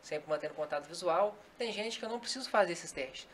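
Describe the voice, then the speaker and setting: A man who works as a hypnotist, giving slow, soothing commands in a demonstration and then explaining his technique in casual podcast chat. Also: sits high, lively intonation, fairly bright tone, a little hiss or hum. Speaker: hypnotist guest.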